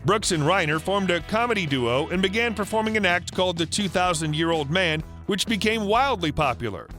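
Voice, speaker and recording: A man reading a scripted biographical narration in an even, read-aloud way. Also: high voice, fairly quick, soft background music.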